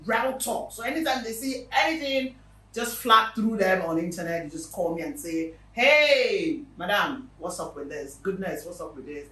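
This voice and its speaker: A woman's voice: medium pitch, roomy sound, recorded from a distance, rough recording. A Nigerian woman hosting a real estate show, talking casually to her viewers with emphatic repetition. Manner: lively and chatty, with emphatic repetition.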